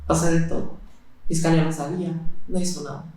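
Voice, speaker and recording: Halting woman in an echoey room. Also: low voice, flat delivery, dark tone. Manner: halting, with frequent fillers and pauses. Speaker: interviewee. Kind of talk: personal testimony in interview.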